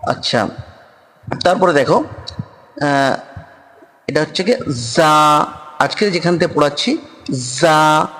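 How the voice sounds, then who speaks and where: A man teaching Quran reading in a slow spoken lesson, patiently repeating each Arabic letter with many pauses, with a Bengali accent. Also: a little high, animated, a bit bright, soft background music. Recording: long reverb, room echo.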